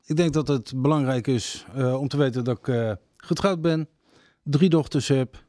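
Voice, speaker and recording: A man's voice: mid-range voice, moderate pace, dark tone, no room sound, clean studio sound. A man in his fifties from Groningen, a deacon, answering radio interview questions hesitantly with many fillers. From Netherlands, Groningen. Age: 50s.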